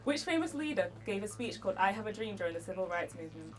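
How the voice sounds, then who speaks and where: Woman running a game show quiz, mid pitch, mic kinda far off, soft music under it. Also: big pitch swings, quick pace. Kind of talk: scripted game show hosting. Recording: distant mic with faint music behind.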